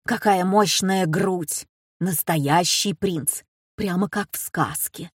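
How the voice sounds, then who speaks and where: A woman reading aloud, putting on a dreamy little girl from a storybook, husky and soft. She stretches her words slowly and gushes with wide-eyed admiration. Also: lowish voice, dry recording, clean studio sound. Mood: gushing. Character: young girl, dreamy, easily enchanted.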